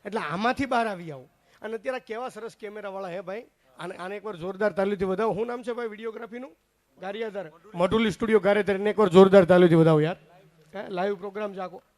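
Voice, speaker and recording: A man's voice: sits high, fast talker, a little mellow. A man doing live stage comedy, chatting straight to the crowd. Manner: chatty, addresses the crowd directly. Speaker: stand-up comedian and mimic.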